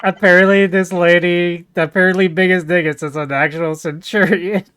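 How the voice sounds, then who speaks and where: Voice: mid-range voice, steady tone, a bit bright, clear, resonant tone. A tabletop game player chatting and joking, laughing often. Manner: laughing, quick joking asides. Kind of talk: casual tabletop game chat.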